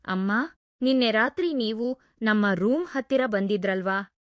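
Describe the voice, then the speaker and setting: A woman's voice: mid-range voice, a little slow, no echo, studio quality, close to an everyday voice. A woman voicing a caring young female housemaid who speaks in a soothing, coaxing way. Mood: pleading. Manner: soothing, pleading.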